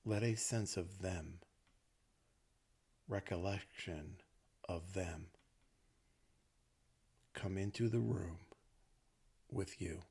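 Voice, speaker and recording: Long silences separate each thought as a male meditation teacher talks his listeners through a session. His delivery is gentle and clipped into short phrases, with a low, husky, creaky voice.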